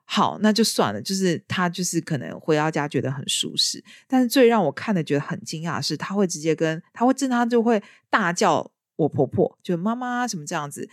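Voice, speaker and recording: A woman chatting casually as a podcast host, telling her stories in a lively way. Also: on the low side, a little fast, hardly any pauses, no echo, clean studio sound. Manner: lively storyteller. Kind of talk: casual chat.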